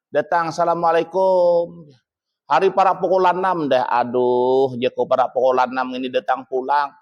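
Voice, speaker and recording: A man preaching with a Banjar Malay accent, telling humorous stories at a mosque gathering and acting out the people who come to him for help in high, pleading voices. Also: dull audio. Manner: lively storytelling, mimics callers in high pleading tones. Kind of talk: humorous sermon with acted anecdotes.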